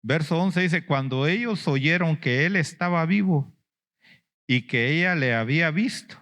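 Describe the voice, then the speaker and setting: A man delivering a church sermon in a fairly high voice. He keeps questioning the congregation and prompting them with short hums, and he slips into a whiny voice to act out believers who lament. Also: a little slow, fairly bright tone. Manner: questions the congregation, answers with "mm?" and "ujú". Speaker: apostle preaching.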